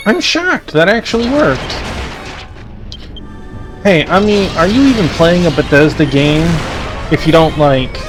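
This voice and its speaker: Brief: upbeat let's-play host, slightly high male voice, chatty, reads subtitles aloud. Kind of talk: casual gameplay commentary. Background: game music.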